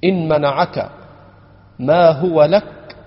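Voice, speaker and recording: A man giving a religious lecture, speaking in a measured way and slowing down to recite verses and correct pronunciation. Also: fairly high pitch, a little hiss or hum. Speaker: religious teacher. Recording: dull lo-fi recording with long hall reverb.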